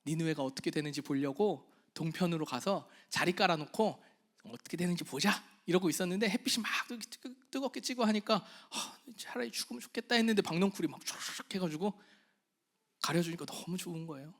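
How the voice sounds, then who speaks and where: A male pastor preaching a sermon, asking the congregation questions and answering them himself, moving between soft half-whispered phrases and loud, slow emphasis. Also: fairly high pitch. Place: church hall.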